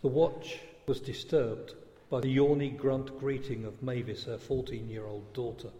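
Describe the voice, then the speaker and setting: Man, story narrator, measured reading, medium pitch, long reverb. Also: fairly even intonation, dark tone.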